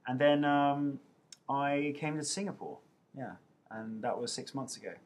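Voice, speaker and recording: Via a webcam mic with a bit of hiss or hum, a man in his thirties chats casually from home. The actor reads viewer questions and responds with playful self-mockery, his medium-pitched voice unhurried.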